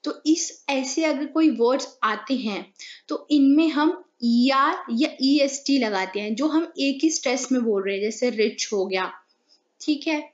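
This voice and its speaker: A woman's voice: high-pitched, a little slow, dull audio. A woman teaching a grammar lesson, explaining step by step and asking and answering her own questions.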